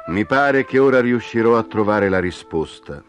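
A man's voice: on the low side, animated, normal speed, music in the background, pitched above the performer's own voice, natural voice. A man voicing a clever male coyote trickster in a storybook tale, smug and patient.

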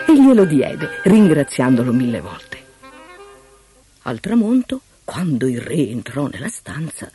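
A woman narrating a fairy tale aloud in an expressive, lilting way, with music playing behind. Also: sits low, husky. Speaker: storyteller.

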